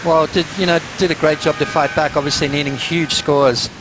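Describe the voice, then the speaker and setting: A man's voice: fairly high pitch, steady tone, fairly quick. A man giving conversational, laid-back surf replay analysis, explaining each move as it happens. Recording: clear surf noise behind. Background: ocean waves.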